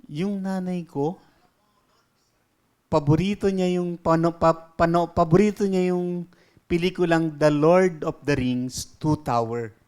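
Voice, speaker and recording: A man voicing an excited small child gossiping with other children, in a high, bouncy voice. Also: slow pace, clear, resonant tone. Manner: excited, high-pitched storytelling. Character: chatty small child telling tales.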